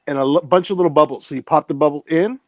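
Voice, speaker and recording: A man's voice: a little high, very fast, no room sound. A man co-hosting a casual podcast, telling stories in a chatty way and laughing often. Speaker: podcast co-host. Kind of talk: casual chat. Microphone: remote call mic.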